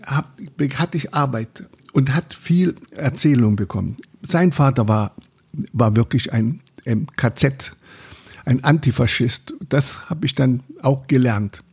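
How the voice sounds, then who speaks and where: An older photographer from Saxony, Germany, recalls the past in a conversational interview. His voice is gravelly, medium in pitch and a little mellow, and he rambles, interrupting himself and restarting often.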